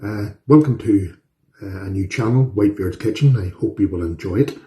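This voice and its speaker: A Northern Irish man with a fairly low, mellow voice hosts a cooking channel from his home kitchen, speaking at a moderate pace. His casual demonstration is chatty, folksy and self-deprecating.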